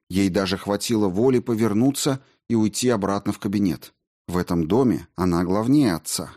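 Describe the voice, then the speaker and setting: A man reading an audiobook as narrator, in a steady, measured way. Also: on the low side. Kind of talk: scripted narration.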